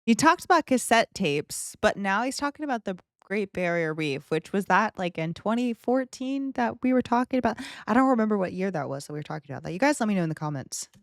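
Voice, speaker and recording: A woman's voice: mid-range voice, lively intonation, brisk, few pauses, no room sound. Reaction video lady, chatty, voice bouncing around a lot, dead dry sound. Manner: chatty, asking questions to viewers. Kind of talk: casual reaction commentary.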